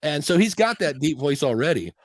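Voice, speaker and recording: This podcast host's voice is fairly high and sing-song, and he talks fairly quickly about audio gear. It's a rambling, casual tech chat full of restarts and self-quotes. His studio dynamic mic yields studio-quality sound with no room sound.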